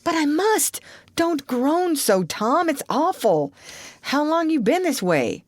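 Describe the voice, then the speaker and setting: Woman reading a fretful little brother, squeaky, near tears, lively swoops, storybook, dry close sound. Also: slow, no room sound, heavily acted. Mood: anxious. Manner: high, pleading, near tears. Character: anxious young boy, tattling little brother. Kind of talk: audiobook character voice.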